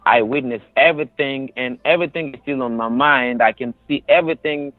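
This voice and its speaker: A man in his twenties from the Congo, speaking earnestly and haltingly in an interview over the phone. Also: mid-range voice, no room sound, soft background music. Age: 20s. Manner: earnest, halting with many restarts. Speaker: guest. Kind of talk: interview about personal experience. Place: on a phone call. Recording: tinny phone line.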